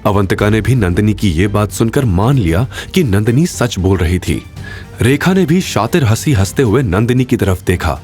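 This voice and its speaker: A man narrating a scripted audio drama in a dramatic, expressive storytelling manner. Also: lowish voice, normal speed, faint music behind.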